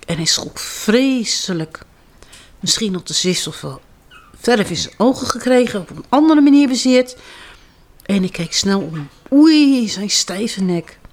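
Woman with a lively storybook voice. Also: mid-range voice, a little slow. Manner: expressive, sing-song. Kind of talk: storybook reading aloud.

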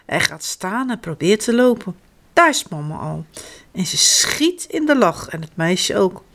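A woman reading a children's story aloud in a slow, expressive way. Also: medium pitch.

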